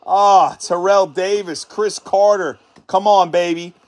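A man hosting a card-break stream, calmly calling out cards and then shouting in hyped excitement at the big hits. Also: sits high, slow pace. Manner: hyped, shouting exclamations between calm card callouts.

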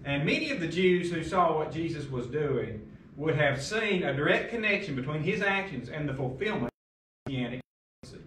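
A man's voice: on the high side, expressive, normal speed, fairly bright tone, echoey room, a little hiss or hum. A middle-aged man pastor preaching a sermon at a lectern, asking emphatic rhetorical questions, recorded by a far camera in a large carpeted church room.

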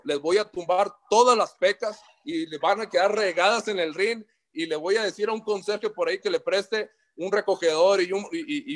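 A man speaks in a voice pitched a little above the usual male range. He is a professional boxer giving a post-fight interview, and he brags and taunts his rivals with swagger. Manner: boastful, trash-talking.

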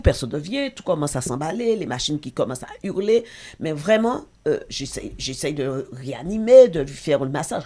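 A woman's voice: sits low, a little mellow. A middle-aged woman, a talk show guest and association president, giving an intense, emotional personal testimony with hesitations.

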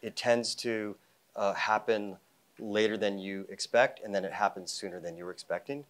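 Deep-voiced man, fifties, conference panelist, lapel mic, confident, wry, lots of fillers. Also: normal speed. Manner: confident, wry, with frequent 'you know' fillers. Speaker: investment fund founder on a panel. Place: conference stage before a live audience.

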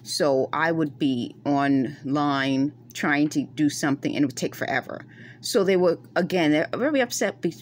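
A low-voiced middle-aged woman from the Bronx, whose New York accent bears West Indian traces, vlogs a casual monologue into her phone camera up close. It is night and the room is dim; she speaks earnestly and insistently, explaining in circles, and there's a slight hiss or hum.

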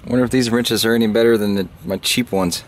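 He talks fast, with fairly even intonation and a lowish voice: a car vlogger from the American South thinking aloud as he works on his car. The chat is casual, offhand and a little profane, set outdoors by an open trunk. Clicks and clunks fill the noisy handheld phone or camera recording.

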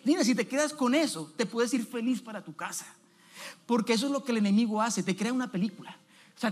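A man's voice: very high-pitched, a bit bright. A man preaching a sermon as an evangelist in a church, speaking emphatically and asking the congregation direct questions.

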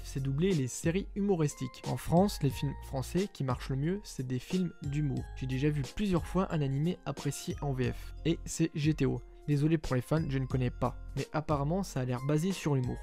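A man's voice: fairly high pitch, creaky, dark tone. A young adult man talking casually and in slang to his viewers in an opinion vlog. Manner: slangy, conversational, addresses viewers directly. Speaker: anime YouTuber. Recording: faint background music.

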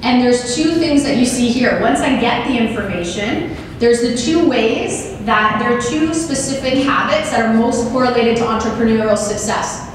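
A woman in her forties giving a lively motivational keynote at a podium microphone, often asking the audience questions. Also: on the high side, moderate pace, background noise. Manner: energetic, asks the audience questions, gestures a lot. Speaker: keynote speaker. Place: large banquet hall with audience. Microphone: podium microphone on a stand. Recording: echoey hall recorded from a distance.

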